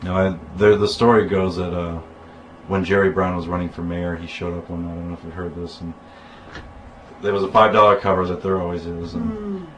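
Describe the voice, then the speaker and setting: A man's voice: sits low, a little fast, a bit bright, slight background noise, low-quality recording. A man from the United States in casual conversation, telling anecdotes in a rambling way with restarts and quoted dialogue.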